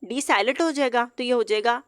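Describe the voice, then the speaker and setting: The voice belongs to a woman teaching English, a little high and smooth, as she patiently explains and slowly, carefully repeats every example word. Her audio is dry and close, with little room ambience.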